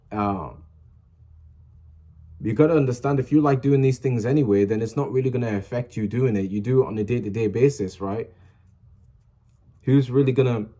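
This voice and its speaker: Speaking in a warm, mid-range voice, a small music channel creator gives his viewers a loose, wandering pep talk. He stumbles through fillers and restarted sentences while sincerely encouraging everyone to share the things they love.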